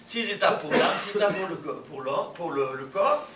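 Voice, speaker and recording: A man teaching a lively Torah lecture, quizzing his audience and laughing often. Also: sits high, normal speed. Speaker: rabbi teaching. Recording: echoey room from far off, faint hiss.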